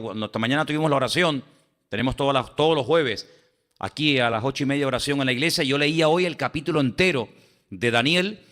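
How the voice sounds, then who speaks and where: A man preaches to his congregation in a church, retelling Bible scenes with animated voices for the characters. His voice sits a little high and rings very bright and forward. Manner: animated storytelling, acting out the king and Daniel. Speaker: pastor. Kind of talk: sermon.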